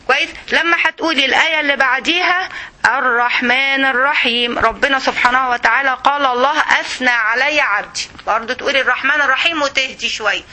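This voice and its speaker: A woman with an Egyptian accent teaching a religious lesson to women, often asking "okay?" and slowing down to recite verses. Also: high-pitched, sharp tone. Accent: Egyptian Arabic. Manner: explains, asks "okay?" often.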